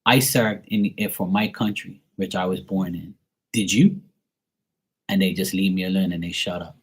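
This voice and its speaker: A man's voice: sits low, steady tone, moderate pace, husky. A man from Bermuda with a Bermudian accent, talking in a blunt, profane, ranting way on a casual livestream. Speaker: livestream host.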